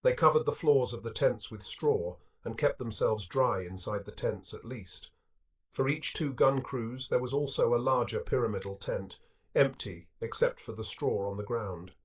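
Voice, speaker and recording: A man reading a wartime memoir aloud as an audiobook narrator, in a steady, measured way. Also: medium pitch, breathy edge. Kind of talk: scripted narration.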